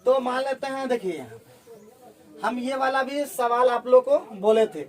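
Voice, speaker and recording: A man teaching a maths class, firing questions at his students and working sums out loud. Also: very high-pitched, expressive. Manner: drills students with rapid questions while calculating aloud. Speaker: maths tutor.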